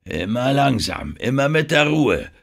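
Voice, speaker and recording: A man voicing a calm older ship captain who speaks in a hushed, soothing way in an audiobook. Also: medium pitch, measured pace, vocal fry, voice pushed up, exaggerated voice.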